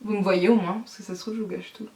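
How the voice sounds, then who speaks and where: A woman from France, a beauty vlogger at home, chatting casually to her viewers, flustered and excitable, swearing and talking through each step. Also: medium pitch, fast, distant mic. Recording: echoey room, speaking away from the mic.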